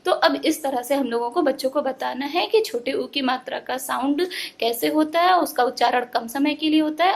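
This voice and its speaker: A woman teacher giving an online phonics lesson, sounding out syllables slowly and explaining patiently to parents and children. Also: sits high, gravelly. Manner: slow drawn-out syllable sounding.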